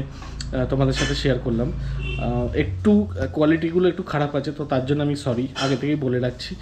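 A young man from Kolkata, a motorcycle vlogger, gives a halting casual walkthrough with English words mixed in. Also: on the high side, darkish tone, a little hiss or hum. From Kolkata, India.

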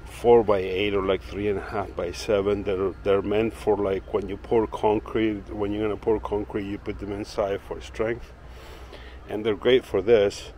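Speaking slowly in a low voice, a woodworking channel owner rambles through a casual walking tour vlog, starting in his backyard garden outdoors and moving into his indoor workshop. He holds the camera himself and keeps it relaxed and filler-heavy. There's a little hiss or hum.

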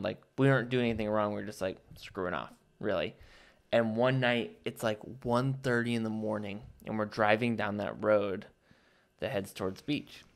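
Gravelly-voiced laid-back guy telling a story. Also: lowish voice. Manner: laid-back, full of "like" fillers. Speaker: podcast co-host. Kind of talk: casual chat, telling an anecdote.

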